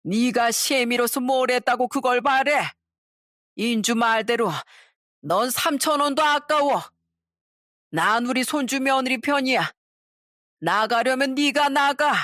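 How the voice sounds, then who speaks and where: A woman's voice: sits high, a bit bright, dry recording, studio quality, voice pushed up. A woman doing a fierce ninety-year-old grandmother. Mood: scolding. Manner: scolding, commanding, drawn-out. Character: feisty grandmother over ninety, fierce and sharp-tongued.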